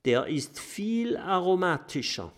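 A man's voice: high voice, very animated, takes it slowly, pitched above the performer's own voice, full character voice. A man voicing a small, cheerful vampire boy in a children's audiobook, talking eagerly.

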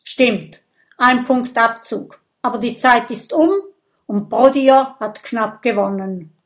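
A woman's voice: a little high, slow. A woman doing a firm young Viking referee.

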